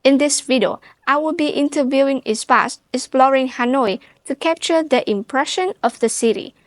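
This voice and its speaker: A woman hosting, reading a scripted introduction in a smooth, measured way. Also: sits high, no echo. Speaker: host. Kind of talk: scripted narration.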